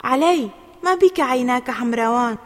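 Woman doing a fussing storybook mom, bright and raised, echoey. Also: fairly high pitch, animated, moderate pace, lightly acted. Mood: worried. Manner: surprised, raised questioning tone. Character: worried caring mother of a schoolboy.

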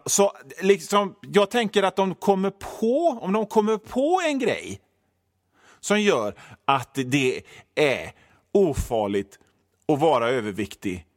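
Guy riffing a comedy monologue off the cuff, voice bouncing all over, fairly high, super dry close sound. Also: no echo. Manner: improvised, animated, wry storytelling. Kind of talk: rambling comic monologue.

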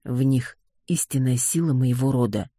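Calm young sorcerer clan head, read by the narrator, dark husky voice, dry affection, audiobook. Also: mid-range voice, normal speed, dry recording.

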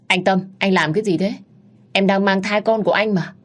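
A woman voicing a sharp-tongued, scheming young mistress in a storybook reading. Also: medium pitch, lively intonation, fairly quick, pitched above the performer's own voice, natural voice. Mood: shrill.

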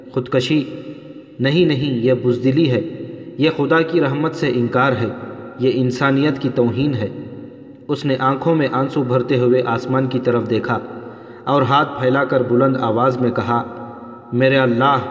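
A man reading a novel aloud in a steady, dramatic way, heard as dull, lo-fi audio in a roomy space with long reverb. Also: mid-range voice. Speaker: narrator. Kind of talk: scripted narration of a novel.

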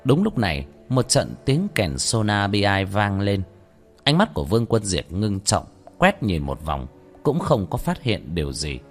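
A man narrating a dramatic horror story in an expressive, lively way. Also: fairly low pitch, a little slow. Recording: faint background music.

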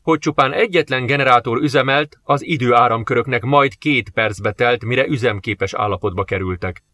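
A man narrating an audiobook in a steady, expressive reading style, close to the mic. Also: medium pitch, no room sound.

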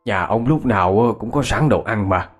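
A man voicing a gruff old village man who teases bluntly in a storybook reading. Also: fairly low pitch, animated, normal speed, soft background music. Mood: teasing. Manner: blunt, scolding in jest.

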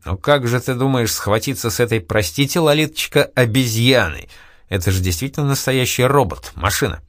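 A man's voice: mid-range voice, a little fast, a bit bright, dry recording, clean studio sound, pitched above the performer's own voice, natural voice. A male narrator voicing a hearty, effusive army general greeting his younger brother. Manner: exclaiming, effusive.

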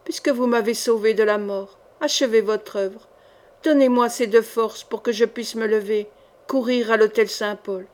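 A woman reading the part of a frightened, wounded young mother in an audiobook, pleading and distraught, in a slightly high voice. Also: steady tone, normal speed, a little mellow, natural voice.

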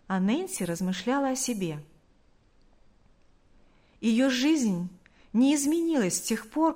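A woman reading a novel aloud as an audiobook narrator, in measured, deliberate storytelling. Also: fairly high pitch, darkish tone. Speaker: audiobook reader. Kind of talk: scripted narration.

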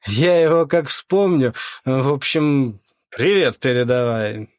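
A man voicing a burly, jovial middle-aged police captain with loud, crude, back-slapping banter. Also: mid-range voice, lively intonation, unhurried, no echo, clean studio sound, pitched above the performer's own voice, close to an everyday voice. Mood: hearty.

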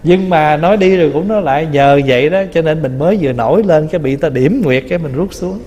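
A man's voice: on the high side, fast, mellow, dull audio, slight background noise. A man, a Buddhist monk, giving a conversational dharma talk, teasing and acting out little quoted remarks. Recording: long reverb of a hall.

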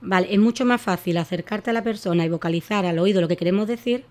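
A woman's voice: mid-range voice, quick pace, darkish tone. A woman giving voice care advice in a radio interview, explaining with many fillers and restarts. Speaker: voice therapist guest.

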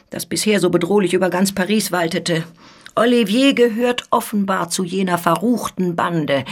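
A woman reading as a cold, menacing police president. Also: fairly low pitch. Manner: menacing, insinuating. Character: stern cold older male police president.

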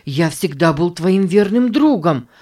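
A woman voicing an earnest, loyal boy who pleads softly and sincerely. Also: lowish voice, expressive, unhurried, recorded from a distance.

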